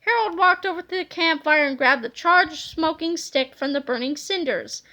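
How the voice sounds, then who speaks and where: A woman reads a children's storybook aloud with expressive narration. Her voice is high-pitched and her pace moderate.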